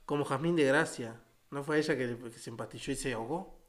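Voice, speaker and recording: A man with a Uruguayan Spanish accent in a casual, darkly joking conversation, wry and deadpan. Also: medium pitch, a little fast. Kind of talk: casual dark-humored chat.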